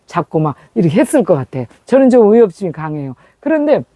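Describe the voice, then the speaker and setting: A woman's voice: mid-range voice, sing-song, quick pace, warm tone, no room sound. A woman preaching a sermon through a personal story, acting out the scenes as she tells them.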